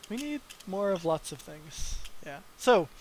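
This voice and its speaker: A man's voice: high-pitched, very animated, measured pace, music in the background, rough recording. A young man chatting casually on his live development stream, rambling with lots of fillers and sounding tired.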